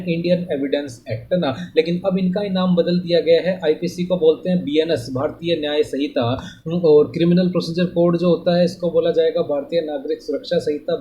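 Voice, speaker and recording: A man's voice: a little high, warm tone, muffled recording, slight background noise. A man teaching forensic medicine in mixed with English terms, checking in with "है ना" after each point. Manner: repeats "है ना" as a check-in, mixes English terms into Hindi. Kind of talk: exam-focused lecture.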